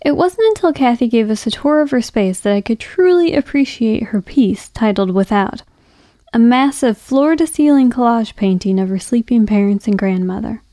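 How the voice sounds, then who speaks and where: A woman podcast host with a fairly high but mellow voice, recorded dry and close. She reads scripted narration at a measured, reflective pace. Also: no echo.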